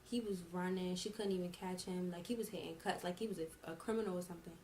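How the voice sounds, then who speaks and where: A woman's voice: on the low side, steady tone, quick pace, mellow, slight background noise. A young woman vlogger telling a personal story in a casual storytime style, acting out quoted dialogue with emphasis. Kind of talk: storytime vlog, casual retelling.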